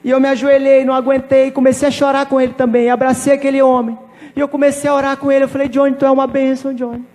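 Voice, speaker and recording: A pastor preaching a sermon, telling a personal testimony with emphatic repetition. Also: male voice, very high-pitched, completely flat delivery, quick pace, a little mellow, big-room sound. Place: church.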